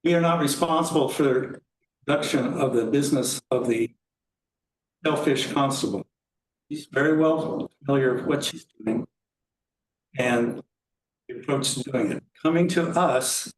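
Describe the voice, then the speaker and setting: A man's voice: mid-range voice, measured pace, pauses often. Guy chairing a meeting, his line keeps dropping out, echoey room, blunt. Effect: audio cutting out over a remote connection. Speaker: commission chair. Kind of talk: public meeting.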